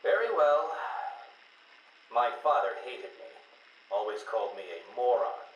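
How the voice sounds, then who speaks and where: An actor playing a smug, arrogant genius villain in a game, theatrical and precise with drawn-out emphasis. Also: male voice, medium pitch, animated, echoey room, highs cut off, slight background noise, lightly acted. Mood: bitter. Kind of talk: video game voice acting.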